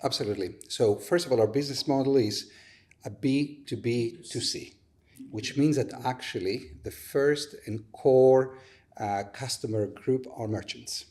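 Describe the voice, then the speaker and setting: A man at a middle pitch explains his startup's business model as a podcast guest. He talks methodically and builds each point on everyday buying examples. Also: unhurried, darkish tone.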